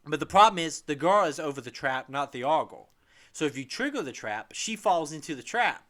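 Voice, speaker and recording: A man's voice: fairly high pitch, very animated, a little fast, fairly bright tone. A man co-hosting a podcast, chatting casually and animatedly retelling game scenes with laughter. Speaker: podcast co-host.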